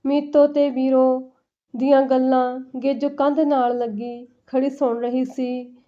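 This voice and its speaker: A woman narrating a family story in a steady, plain telling. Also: high-pitched, slow. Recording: dull lo-fi recording.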